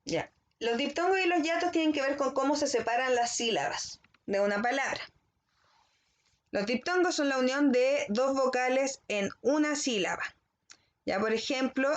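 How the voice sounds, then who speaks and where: A woman teacher giving a recorded language lesson to children. She explains slowly and carefully and keeps checking in with the class. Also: high-pitched. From Chile.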